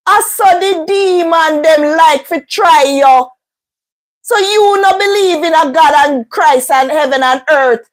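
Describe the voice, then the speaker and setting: Woman vlogger, high voice, unhurried, emphatic storyteller. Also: low-quality recording. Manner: indignant, emphatic retelling. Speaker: vlogger and mother. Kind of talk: casual storytime vlog.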